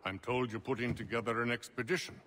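An actor playing a courteous colonial landowner in a video game, measured and polite. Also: male voice, mid-range voice, fairly even intonation, natural voice. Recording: game audio with reverb and background noise.

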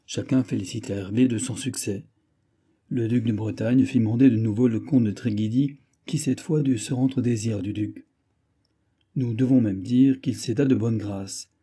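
A man narrating a short story for an audiobook in a measured, even storytelling manner with a husky voice. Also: on the low side. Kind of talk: scripted narration.

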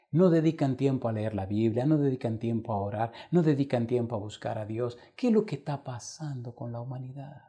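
Dark-voiced man preaching a sermon. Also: medium pitch. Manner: dramatic, shifts between loud and hushed quoted voices. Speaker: pastor. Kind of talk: sermon with acted-out anecdotes.

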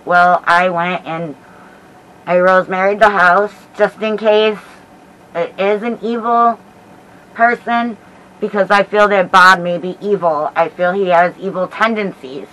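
A middle-aged American woman giving a casual vlog update in a hesitant, halting way while feeling sick with a headache. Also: mid-range voice, steady tone, fairly bright tone, poor audio. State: unwell with headache and nausea. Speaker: paranormal vlogger. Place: small dim bedroom, indoors. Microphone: camera mic at about arm's length, through a cloth face mask.

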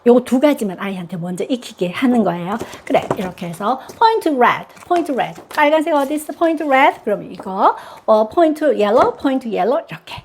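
A woman explaining children's English activities to parents in a chatty instructional style, switching into a high sing-song voice for the drills. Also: expressive, measured pace, few pauses, slight background noise. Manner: chatty, gives advice to parents. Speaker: English teacher for young children.

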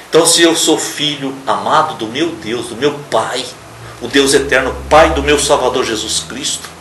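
Male preacher delivering a TV sermon, emphatic with sudden loud stresses, roomy sound, faint ambience behind. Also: mid-range voice, slight background noise. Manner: emphatic, swings between loud stresses and quiet asides. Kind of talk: sermon on a local TV program.

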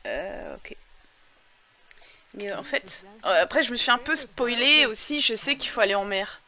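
A woman chats her way through a game, her voice bright and a touch high. She thinks aloud with plenty of fillers and hesitations, and now and then reads the on-screen quest text aloud. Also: animated, normal speed. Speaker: let's play gamer. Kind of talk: casual gameplay commentary.

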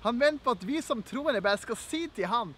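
A man's voice: extremely high pitch, expressive, a bit bright. A young man with a Norwegian accent giving an earnest, encouraging Bible teaching, reading scripture aloud. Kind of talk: devotional Bible teaching video.

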